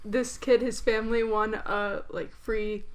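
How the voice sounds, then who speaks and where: A woman's voice: fairly high pitch, flat delivery, a little slow. A sleepy young woman co-hosting a casual chat, teasing her co-host in a playful way. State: yawning, sleepy. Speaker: podcast co-host.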